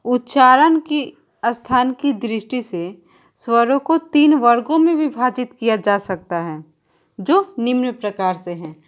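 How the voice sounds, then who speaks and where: Woman teacher, fairly high voice, slow and deliberate; exam-prep grammar lesson, stretches out example sounds. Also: lively intonation, muffled recording. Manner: writes on a board while teaching.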